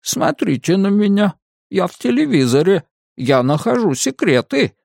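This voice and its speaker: A man voicing a calm, menacing masked torturer who taunts his captive in a slow, drawn-out way, in an audiobook. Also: high voice, creaky, dry recording, clean studio sound, voice pushed up, heavily acted. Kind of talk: audiobook character reading.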